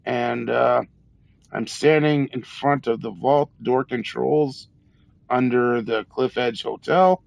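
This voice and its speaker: A man hosting a casual live game stream, talking in a loose, rambling, drunk manner with a gravelly voice. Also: medium pitch, slow pace, no echo. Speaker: livestream gamer host.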